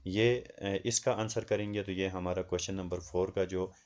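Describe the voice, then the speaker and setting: Speaking low and steady with a darkish tone, a man with a Pakistani Urdu accent walks through a research assignment step by step, hesitating often. He explains slowly and reads questions aloud in English, and the recording's highs are cut off.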